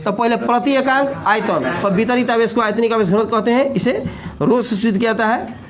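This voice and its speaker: A man's voice: extremely high pitch, brisk, a crowd in the background. A man teaching a physics class, explaining step by step and teasing his students with joking dialect asides.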